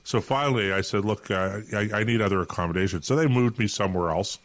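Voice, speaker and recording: Low-voiced Canadian man telling a story. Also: fast, slight background noise. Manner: rambling, with many restarts and fillers. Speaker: podcast co-host. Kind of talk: casual anecdote on a talk podcast.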